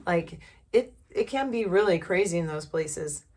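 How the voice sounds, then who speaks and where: A woman's voice: lowish voice, animated, unhurried, darkish tone. A woman talking candidly to the camera in a casual personal vlog, rambling with many fillers and restarts. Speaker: vlogger.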